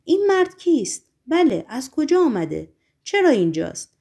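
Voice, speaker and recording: A woman's voice: high voice, big pitch swings, vocal fry, warm tone, voice pushed up, full character voice. A woman reading aloud, voicing a sly, showy male con man who makes mocking, whining speeches.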